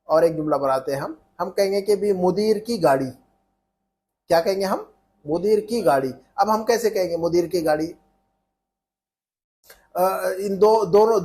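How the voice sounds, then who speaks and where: A man's voice: high-pitched, normal speed, pauses often, darkish tone. A man teaching an Arabic lesson in Urdu, repeating phrases and checking that students follow.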